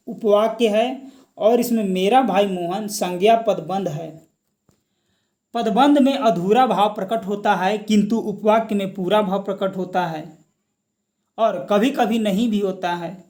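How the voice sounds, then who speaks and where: A man teaching Hindi grammar for an exam, explaining slowly, asking questions and answering them himself, and mixing English words into his Hindi. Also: high voice, a little mellow. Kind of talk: exam-prep grammar lecture.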